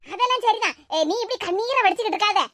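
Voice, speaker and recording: A woman doing a squeaky, rapid-fire cartoon neighbor auntie with a Tirunelveli Tamil accent. She fusses with quick questions and homely chatter in a high, sped-up voice. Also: fairly bright tone, slight background noise. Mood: curious. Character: concerned older neighbor woman, curious about gossip.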